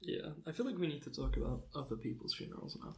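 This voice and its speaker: A young man co-hosting a podcast, joking deadpan in a rambling, casual way with plenty of filler words. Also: fairly high pitch, quick pace, gravelly. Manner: rambling, deadpan jokes, frequent "um" and laughter. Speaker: podcast co-host. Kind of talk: casual comedic chat.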